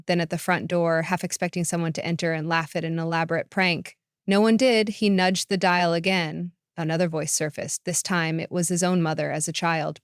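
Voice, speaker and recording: A woman reads a short story aloud in a measured, even way. Her voice is lowish, smooth and clear. The sound is dry and close, with no room in it. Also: no echo. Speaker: narrator. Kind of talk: scripted narration of a short story.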